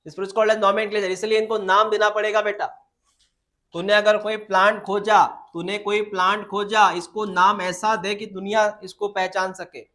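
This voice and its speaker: A biology teacher takes his class through a lesson with a high, lively voice. He stays informal, calls the students "beta," and asks questions only to answer them himself, while reading English textbook lines slowly and deliberately.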